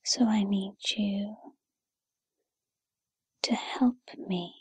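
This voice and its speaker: A woman playing a gentle, patient fairy godmother in a whispered role-play, with a breathy whisper and a soothing, encouraging manner. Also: mid-range voice, dry recording, heavily acted. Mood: gentle, reassuring. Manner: soothing, encouraging, unhurried second-person address.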